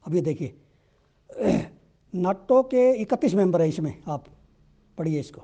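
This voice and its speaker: Dark-voiced Indian man teaching exam prep. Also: high voice, lively intonation, unhurried. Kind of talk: explaining current-affairs exam questions.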